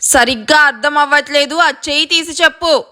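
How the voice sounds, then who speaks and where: Storybook villain: a cold, commanding young man read by a woman, bright and high-pitched, threatening. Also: fairly quick. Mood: menacing. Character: cruel, short-tempered young man, menacing boss.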